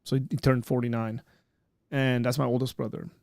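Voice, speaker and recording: Fairly quick and level in tone, his mid-range voice carries vocal fry and a slightly mellow quality as this man in his thirties rambles through casual chat, restarting often and using lots of fillers, on his live birthday stream. The studio-quality audio, from a green-screen streaming setup, has no room sound.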